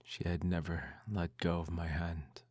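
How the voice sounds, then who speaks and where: A man in an ASMR role-play reads a bedtime story aloud in a soft, intimate, hushed voice that slips into speaks softly. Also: low-pitched, little pitch movement, measured pace, no echo.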